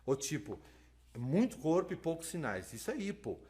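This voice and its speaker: Guy lecturing live online, talks fast and lively, keeps checking in with his listeners. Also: a little high. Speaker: lecturer on sign language interpreting.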